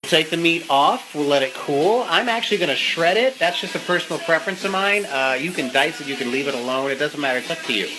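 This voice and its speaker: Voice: mid-range voice, quick pace, hardly any pauses, background noise. A home cook giving a casual, chatty and mildly profane cooking demonstration. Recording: music and sizzling pan behind. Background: music, frying food sizzle.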